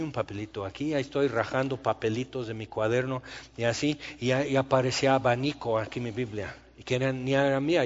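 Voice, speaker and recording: A man preaching a sermon, talking fast and theatrically, long-winded by his own account. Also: mid-range voice. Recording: dull sound in a reverberant hall.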